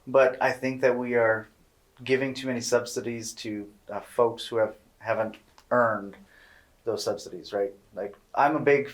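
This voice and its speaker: A man's voice: medium pitch, fairly even intonation, measured pace. Guy co-hosting a podcast, laid back, rambles on his opinions, cusses casually. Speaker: podcast co-host.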